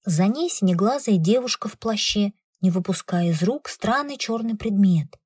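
Husky woman narrating an adventure story. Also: medium pitch, animated, darkish tone, dry recording, clean studio sound. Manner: dramatic, measured storytelling. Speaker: audiobook narrator. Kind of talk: scripted narration.

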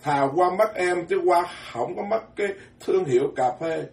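Monk, folksy and animated Dharma talk, slightly high voice, heard from afar in an echoing room. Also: male voice, normal speed. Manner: folksy, animated, joking, with many repeated words. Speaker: Buddhist monk. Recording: echoey hall from far off.

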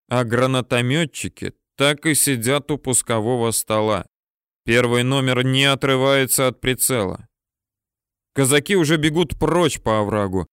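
A man reading a military adventure story as an audiobook, with steady storytelling that swells at tense moments. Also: medium pitch, clean tone, dry recording, studio quality. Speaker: audiobook narrator. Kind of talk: scripted audiobook narration.

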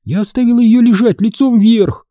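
A man's voice: extremely high pitch, moderate pace, warm tone, dry recording, studio quality, voice pushed up. Man voicing breathless urgent young girl. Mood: insistent. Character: frightened, quick-thinking young girl.

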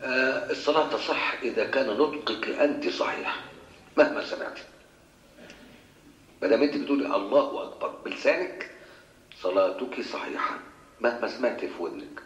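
Fast-talking Egyptian sheikh in an echoey mosque. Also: male voice, medium pitch, animated, fairly bright tone, dull audio. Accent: Egyptian Arabic. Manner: colloquial, explaining with rhetorical questions. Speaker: sheikh answering questions. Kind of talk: religious Q&A lecture.

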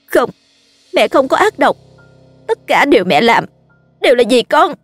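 A woman voicing a frantic, cruel young mother who wails and pleads in a shrill voice. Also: very animated, slow pace, sharp tone, no room sound, faint music behind, exaggerated voice. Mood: wailing. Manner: shrill, wailing.

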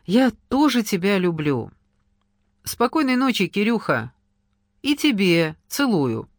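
A reader voicing a gentle, anxious young wife in an audiobook, soft and tender. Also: female voice, medium pitch, big pitch swings, slow pace, dry recording, studio quality. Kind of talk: audiobook character reading.

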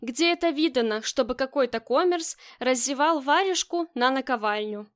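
Woman, audiobook narrator, high voice, even storytelling reading. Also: normal speed. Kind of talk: novel reading.

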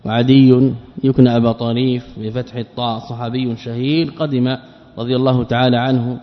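A man's voice: mid-range voice, little pitch movement, a little fast. A man giving a religious lesson, explaining terms and grammar and putting questions to his listeners. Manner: explains words and grammar, asks the audience questions. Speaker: Islamic scholar teaching a book. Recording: dull lo-fi recording with long hall reverb.

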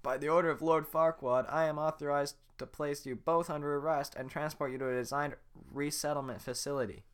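A man voicing a bossy male head guard in a cartoon script reading, loud, commanding and pompous. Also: on the high side, steady tone, a little fast, clean tone, pitched above the performer's own voice, close to an everyday voice.

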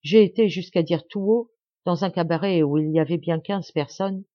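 A woman reading a bitter, vengeful young man with a grave, measured, menacing delivery. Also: on the low side, no echo, lightly acted. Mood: cold menace. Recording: dull dry lo-fi audio.

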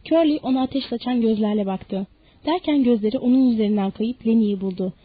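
A woman narrating an audiobook in a steady, measured reading. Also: fairly high pitch, breathy edge, no room sound, narrow, tinny audio.

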